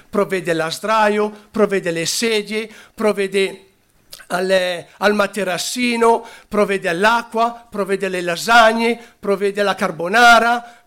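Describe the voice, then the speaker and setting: A man preaching a sermon, unhurried, who stops to correct his own slips. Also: high voice, fairly bright tone, clean tone.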